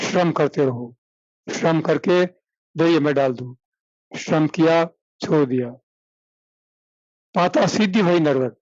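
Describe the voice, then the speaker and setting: High-voiced man preaching with repetition. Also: darkish tone, dry recording, lo-fi sound. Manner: calls listeners "beta", repeats phrases, chants verses. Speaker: spiritual teacher. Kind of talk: devotional sermon to a seated audience.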